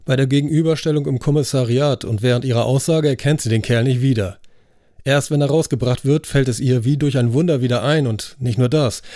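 A man voicing a gruff, skeptical middle-aged detective in an audiobook, blunt and grumbling. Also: mid-range voice, brisk, dark tone, no room sound, clean studio sound, close to an everyday voice.

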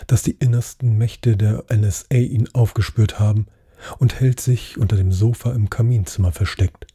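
Narrator doing a stiff proper butler, dark husky voice, very polite. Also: male voice, fairly low pitch. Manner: polite, formal. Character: dry, formal male butler.

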